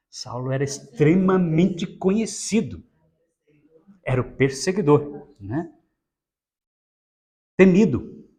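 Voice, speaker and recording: A man's voice: fairly high pitch, darkish tone. A man giving an explanatory spiritist Bible talk, often adding "né?" to check in with listeners. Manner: explanatory, frequent tag "né?". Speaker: lecturer at a spiritist center.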